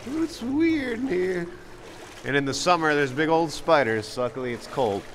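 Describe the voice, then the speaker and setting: A man's voice: on the high side, very animated, normal speed, slight background noise. Man talking, echoing through a tunnel. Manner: upbeat, chatty, laughs often. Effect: echoing tunnel reverb. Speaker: vlog host, fossil hunter. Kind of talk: casual outdoor vlog chat. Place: inside a concrete tunnel under a bridge.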